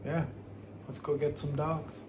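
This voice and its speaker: A man's voice: a little high, little pitch movement, unhurried. A man chatting casually to the camera and his dogs about a day of dog rescue work. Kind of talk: casual vlog chat. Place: in his car and outdoors. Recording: noisy car and outdoor ambience.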